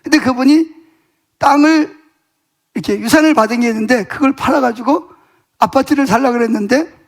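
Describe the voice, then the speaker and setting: A middle-aged male pastor with a strikingly high voice preaches in a church sanctuary. He tells his story with animation, switching into the voices of the people he quotes. It sounds like a Sunday sermon delivered to a congregation. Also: a little fast, gravelly. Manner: animated storytelling, acting out dialogue with God and others.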